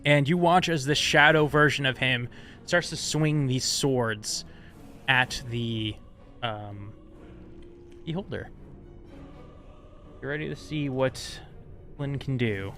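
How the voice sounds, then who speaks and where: A man narrating a tabletop game as game master in casual, halting, improvised phrases. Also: medium pitch, bright, forceful tone, faint music behind.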